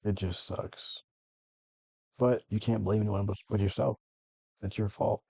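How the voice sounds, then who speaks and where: A man with a low, very dark and husky voice rambles through a personal monologue, circling back and correcting himself as he goes. The sound is dry and close, with no room around it. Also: steady tone, a little slow, dry recording. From United States. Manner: meandering, self-correcting, frequent swearing. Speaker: vlogger.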